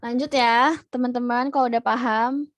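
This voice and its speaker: Patient young woman teaching slowly. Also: on the high side, fairly even intonation, no echo. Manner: patient, repeats each point slowly. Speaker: language teacher. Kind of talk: online class teaching.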